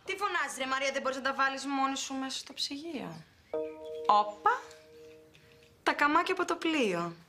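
A chatty bossy young woman letting guys in, high voice, music in the scene. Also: expressive, long pauses. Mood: welcoming. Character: lively young woman, welcoming hostess.

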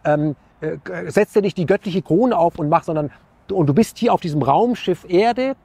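A man's voice: high-pitched, expressive, moderate pace, dark tone, slightly rough, no echo. A man, an interview guest musing about life in an earnest, searching way, full of rhetorical questions and restarts. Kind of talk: reflective philosophical talk.

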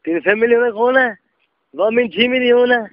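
A man's voice: very high voice, no room sound. Furious swearing man on the phone. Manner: aggressive, swearing, threatening. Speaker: prank call victim. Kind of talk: angry phone call. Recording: dull dry phone audio.

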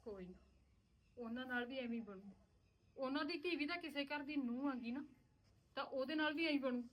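A woman's voice: high-pitched, a little fast, rough recording. A woman as a soothing motherly sister-in-law. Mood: comforting. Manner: soothing, reassuring.

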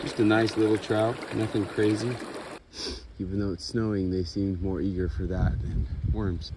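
A young man with a voice on the low side hosts a fishing channel, giving chatty, excitable running commentary as he fishes a snowy mountain creek on an action camera. The casual vlog narration is clear, with the noise of rushing stream water behind him.

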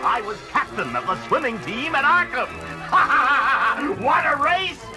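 An actor playing a gleeful, taunting clownish arch criminal with theatrical, gloating delivery in a comic-book audio drama. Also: male voice, very high voice, sing-song, slow pace, heavily acted. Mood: gleeful bravado. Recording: vintage vinyl record drama with music.

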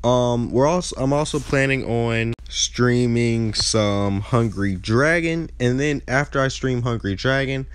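Unhurried and with few pauses, the congested young host talks over his gameplay in a smooth, mid-range voice that comes through nasal and blocked-up. He frequently drifts off his point mid-thought. No echo is present.

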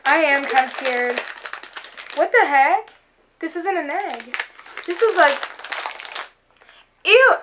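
A young woman hosting a casual candy taste-test, chatty and quick to say things are gross. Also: high-pitched, expressive, noisy background. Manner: chatty, easily grossed out, giggly. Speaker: host.

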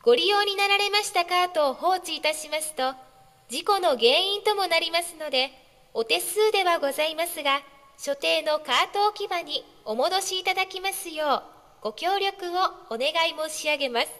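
Woman, mall announcer, very high voice, polite formal delivery, long hall reverb. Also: animated, fairly bright tone. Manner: polite, measured, honorific. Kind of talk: formal public address announcement. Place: shopping mall PA system.

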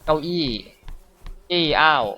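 A man's voice: slow, bright, forceful tone. A man giving casual, reactive let's-play commentary on a horror game, with frequent exclamations. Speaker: gaming streamer.

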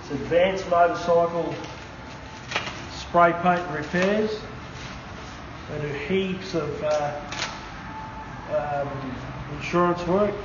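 A man's voice: fairly high pitch, slow pace, pauses often, far from the mic. A middle-aged Australian man chatting cheerily as he unboxes parts in a motorcycle shop. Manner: excitable, cheery whoops. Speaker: shop owner and channel host. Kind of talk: casual unboxing chat. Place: motorcycle shop showroom by open doors. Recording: roomy, muffled, with loud background noise.

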